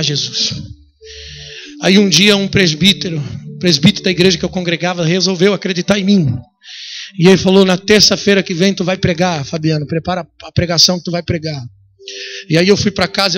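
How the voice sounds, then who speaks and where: High, bright-voiced male preacher. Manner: emotive storytelling, addresses the congregation as brother. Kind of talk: sermon with personal testimony.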